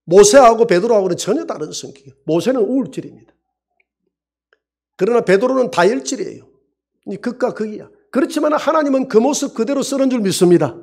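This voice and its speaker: High, husky-voiced preaching man. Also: fairly quick. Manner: animated storytelling preacher who acts out quoted voices. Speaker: pastor. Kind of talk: sermon.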